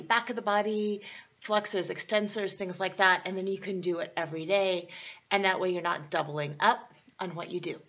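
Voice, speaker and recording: A woman leading instructional workout talk as a fitness coach, chatty and encouraging, with a hoarse voice that is partly lost. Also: medium pitch, a bit bright, far from the mic. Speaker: fitness instructor and program host. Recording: dull, lo-fi sound.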